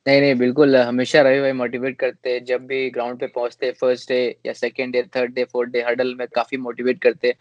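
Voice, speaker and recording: A young male cricketer answering interview questions in a relaxed, hesitant way, with frequent fillers and restarts. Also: mid-range voice, fairly quick, hardly any pauses, no room sound, highs cut off.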